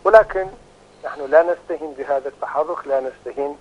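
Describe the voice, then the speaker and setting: A man talking as the expert guest over a phone line, giving measured, emphatic analysis with frequent hesitations. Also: fairly high pitch.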